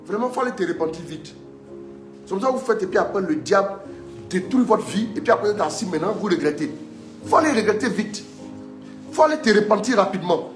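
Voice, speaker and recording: A man preaches a live-streamed teaching sermon, emphatic and repetitive, urging listeners on and having scripture read aloud. His high voice has lively intonation and races along with long pauses, in an echoey room with faint music behind.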